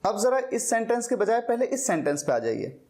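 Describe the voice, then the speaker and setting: A man teaching an English lesson, explaining step by step and slowly repeating key words. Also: very high-pitched, sing-song, a little mellow.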